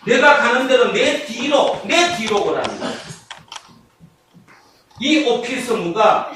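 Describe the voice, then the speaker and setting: A male pastor preaching a sermon, firing rhetorical questions at the congregation, drawing key words out slowly and laughing and shouting for emphasis. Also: extremely high pitch, lively intonation. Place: church sanctuary. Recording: echoey hall, mic far off, noisy.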